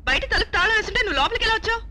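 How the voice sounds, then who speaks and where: A quick, coy young woman. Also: very high-pitched, lively intonation, pushed and bright, heavily acted. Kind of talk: film comedy acting.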